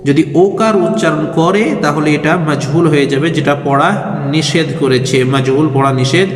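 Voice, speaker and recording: A man teaching Quran reading, chanting each letter sound in a slow sing-song drill between short explanations. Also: on the high side. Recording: echoey room with long reverb, faint music.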